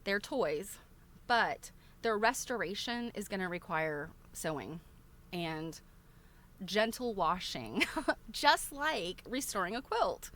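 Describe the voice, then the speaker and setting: A woman livestreamer chats in a rambling, conversational way to her regular viewers, laughing a lot. Her medium-pitched, fairly bright voice is animated, though she speaks slowly.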